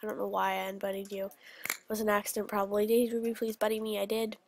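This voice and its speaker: Teenage girl, video host, casual game chat, bubbly, chatty, raspy fry. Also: medium pitch, monotone, a little hiss or hum. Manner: bubbly, chatty, quick gasps of delight. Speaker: channel host.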